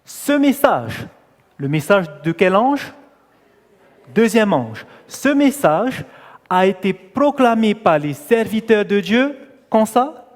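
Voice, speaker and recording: A man's voice: sits high, sing-song, slow pace. Man, preacher, sermon, questions and answers, long hall reverb. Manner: asks the audience questions and answers them, stressing key words. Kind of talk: sermon teaching.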